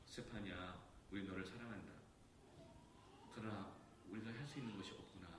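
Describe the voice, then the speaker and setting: A male pastor telling a story in a sermon, dropping to hushed quoted lines and rising to loud emphatic peaks. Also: lowish voice, steady tone, brisk, background noise. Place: church sanctuary. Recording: echoey church hall from far off.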